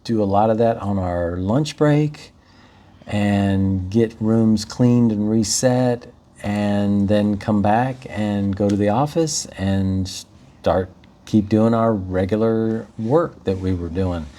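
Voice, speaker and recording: A man with a low, mellow voice talks through practical tips as a rental host. His delivery is easygoing and explanatory, like a casual chat with viewers. The tone stays relaxed and unhurried. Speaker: short-term rental host.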